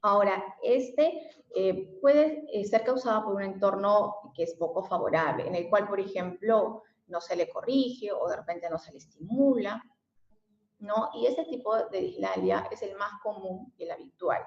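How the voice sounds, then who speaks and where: A woman's voice: mid-range voice, measured pace. A woman giving an explanatory lesson as a special education teacher, often adding fillers and tag questions. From Mexico. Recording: echoey room, dull lo-fi sound.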